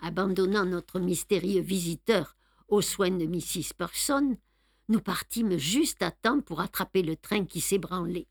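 Female radio reader, unhurried and measured, close dry sound. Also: fairly low pitch, dry recording. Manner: measured, careful storytelling. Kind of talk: audiobook reading.

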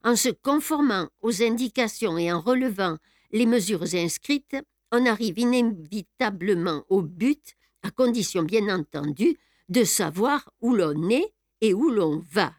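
A woman voicing an excitable young male investigator in an audiobook, asking urgent, agitated questions. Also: medium pitch, a little slow, dry recording, studio quality, lightly acted. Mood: explaining. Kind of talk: audiobook character reading.

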